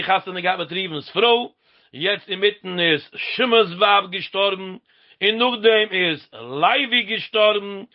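A man, explaining a Talmud passage in a sing-song lecture. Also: sits high. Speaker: Talmud teacher. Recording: lo-fi dull recording.

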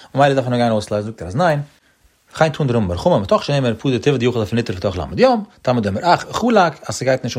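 A man giving a religious law lesson, explaining rapidly and emphatically with sudden jumps in pitch. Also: husky.

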